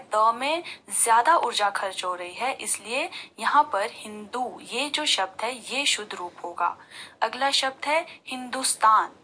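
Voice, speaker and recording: A woman's voice: a little high, pushed and bright, slightly rough. A woman teacher giving a patient Hindi spelling lesson to school pupils, stressing each syllable as she says the words aloud.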